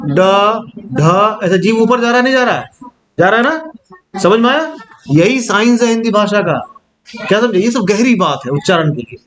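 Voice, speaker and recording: High-voiced man teaching grammar. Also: a bit bright. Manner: demonstrates sounds aloud, keeps checking if students follow. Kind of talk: classroom-style grammar lesson.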